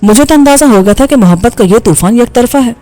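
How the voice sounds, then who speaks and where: A woman's voice: on the high side, lively intonation, mellow, close to an everyday voice. A woman voicing an angry, bitter young male engineer who speaks harshly in audiobook dialogue, over faint background music. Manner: harsh, scolding delivery.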